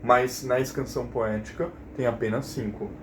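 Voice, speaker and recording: A man's voice: medium pitch, fairly even intonation, moderate pace, background noise. Man teaching a class in an echoey room. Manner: explanatory, checks in with frequent questions. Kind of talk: recorded class lesson. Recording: roomy echo.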